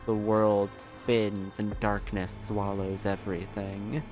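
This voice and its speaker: A man's voice: lowish voice, level tone, slow pace, darkish tone, faint music behind. A man streaming a story game, reading narration aloud and reacting with swearing and laughter. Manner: laughing, swearing, exaggerated outbursts.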